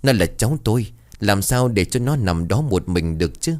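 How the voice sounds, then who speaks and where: A man voicing a stubborn older family head who speaks gruffly and insistently. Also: on the low side, expressive, moderate pace, lightly acted.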